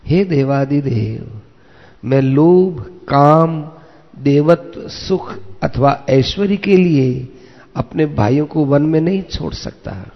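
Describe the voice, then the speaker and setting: A man doing a soft, humble young warrior. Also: a little high, takes it slowly, vocal fry, exaggerated voice. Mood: reverent. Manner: soft, reverent, pleading. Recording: echoey, dull lo-fi recording.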